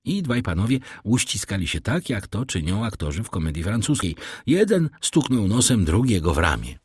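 A man narrating an audiobook in an expressive, theatrical reading. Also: lowish voice, moderate pace, husky, no room sound, studio quality.

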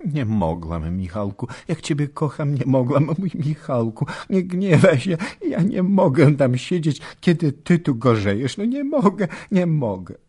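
A man's voice: a little high, big pitch swings, measured pace, few pauses, warm tone, husky, voice pushed up, exaggerated voice. A man voicing a frightened young wife who pleads in a sobbing voice. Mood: tearful pleading.

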